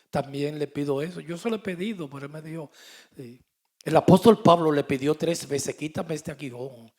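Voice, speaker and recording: A man, preaching a sermon as pastor, swinging from quiet asides to loud emphatic declarations. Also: fairly high pitch, unhurried, pauses often.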